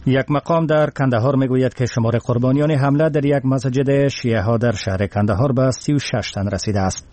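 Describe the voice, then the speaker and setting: A man's voice: medium pitch, warm tone, soft background music. A man with an Afghan accent reading scripted news headlines formally.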